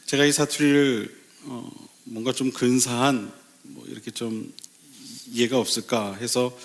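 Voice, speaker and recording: A male pastor giving a Sunday sermon in a church, asking the congregation questions and lifting his pitch to stress key phrases. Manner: lively, asks the congregation rhetorical questions; sudden pitch lifts for emphasis, slows on key phrases. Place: church sanctuary.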